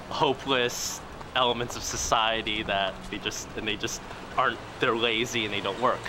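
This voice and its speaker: A male student from Southern California talking casually and wryly in an outdoor street interview. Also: mid-range voice. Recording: clear street noise behind.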